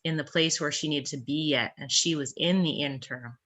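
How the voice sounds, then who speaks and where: English woman guest, bright and lowish voice, chatty, thinks out loud. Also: fairly quick. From England. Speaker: podcast guest. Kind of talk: casual conversation.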